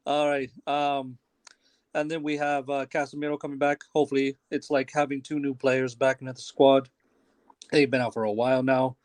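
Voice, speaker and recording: A man chatting on a football podcast in an excitable, jokey, sweary way. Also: medium pitch, normal speed, no echo. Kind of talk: casual football podcast chat.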